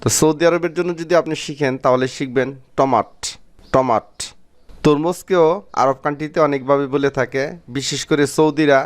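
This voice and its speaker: Clear-voiced man teaching vocabulary. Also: a little high, fairly even intonation. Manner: repeats each word slowly and clearly. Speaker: Arabic language teacher. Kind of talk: vocabulary lesson.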